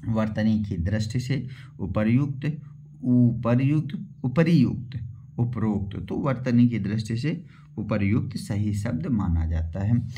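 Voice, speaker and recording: A man's voice: lowish voice, mellow. A man teaching an exam-prep lesson, explaining step by step and repeating each question and answer back to his viewers. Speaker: Hindi teacher.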